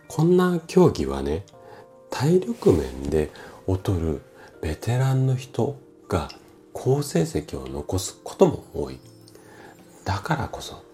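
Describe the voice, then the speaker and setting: A man in his fifties, a bodywork clinic owner hosting a solo podcast, calmly explaining things as if to his younger self. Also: low-pitched. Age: 50s. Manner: calm, explanatory, speaking familiarly to a younger self.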